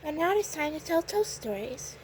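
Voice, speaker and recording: Woman doing a loud, silly storybook hatter. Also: high-pitched, big pitch swings, a little hiss or hum, rough recording. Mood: jolly. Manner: playful, drawn-out exclamations. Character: silly excitable male hatter, loud and hollering.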